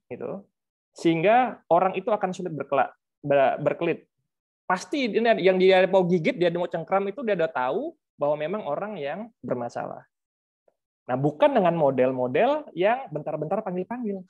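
A man's voice: on the high side, dull audio. A man, a researcher and author, explaining his views in a webinar discussion in a conversational way, with frequent fillers and rhetorical tags. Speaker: guest speaker, researcher and author. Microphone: video call microphone.

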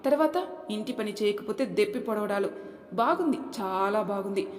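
A woman's voice: on the high side, a little fast, darkish tone, close to an everyday voice. A woman voicing an angry grown son who accuses his own mother, in a roomy hall with long reverb. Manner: heated, accusing.

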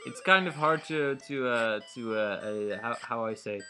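A man's voice: mid-range voice, normal speed, pushed and bright, faint music behind. A man casually commenting while playing a video game, rambling and correcting himself as he goes. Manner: rambling, self-correcting, giggly asides. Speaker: let's play commentator.

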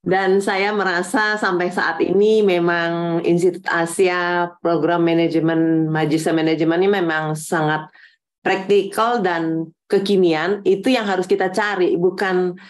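A woman speaking as a guest on an online lecture, measured and earnest. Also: lowish voice, fairly even intonation. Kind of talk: casual speech on a call.

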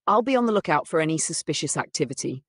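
A woman's voice: low voice, expressive, fast, breathy edge, no echo, studio quality. A woman voicing a serious, suspicious male pony detective in a grave, watchful manner.

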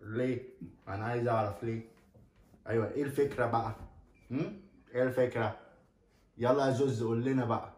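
A man in his thirties with an Egyptian Arabic accent, hosting a joking casual chat in a living room. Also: medium pitch. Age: 30s. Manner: animated, joking, rapid. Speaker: channel host. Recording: roomy, from the mic.

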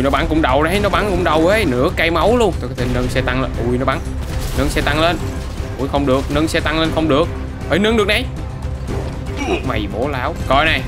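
A male gaming YouTuber in casual commentary, playful and boastful, tossing teasing trash talk at in-game characters. His pitch is mid-range, and clear background music plays throughout.

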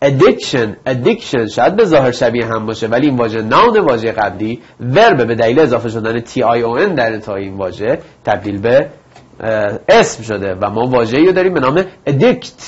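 Lively husky male teacher, lo-fi. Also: medium pitch. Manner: reads each word twice, then gives its meaning; encouraging, addresses students directly. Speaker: English teacher. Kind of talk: recorded vocabulary lesson.

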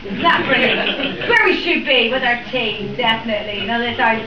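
Over crowd noise, this performance poet from Northern Ireland speaks a little high, animated and fairly quick. She's young, with a Northern Irish accent, joking and chatting between rhymes at a library event, and the room recording comes across distant and dull.

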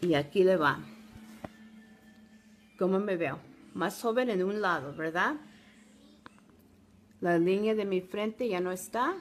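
A middle-aged woman with gives a casual, halting step-by-step product demo, recorded on a phone at arm's length at home. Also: on the low side, faint music behind. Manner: halting, simple step-by-step instruction. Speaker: product demonstrator. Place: small room at home, indoors.

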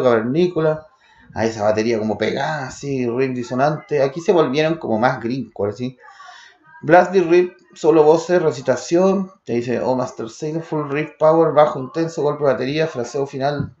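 Hombre de voz rasposa reseñando metal. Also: male voice, mid-range voice, darkish tone, roomy sound, highs cut off. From Chile. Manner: terse word lists describing riffs and drums. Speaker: metal music reviewer. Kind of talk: spoken demo review over music.

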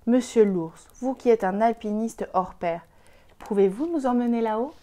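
A woman's voice: a little high, normal speed, mellow, natural voice. A woman reading the part of Heidi, a brave and cheerful young girl, in an encouraging storybook voice.

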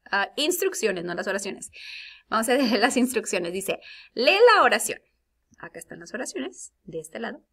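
Animated woman teacher giving a lesson. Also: mid-range voice. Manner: animated, acts out example sentences with big exclamations. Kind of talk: recorded classroom lesson.

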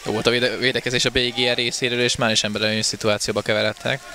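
A man's voice: mid-range voice, little pitch movement. A man giving live analysis as a co-commentator on a sports match. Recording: faint background venue noise.

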